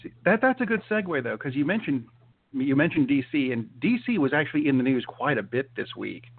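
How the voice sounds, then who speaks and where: A man's voice: mid-range voice, animated, a little fast, vocal fry. Man, co-host, casual chat, hesitant with restarts, phone-like tinny sound. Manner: hesitant, many restarts and fillers. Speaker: podcast co-host.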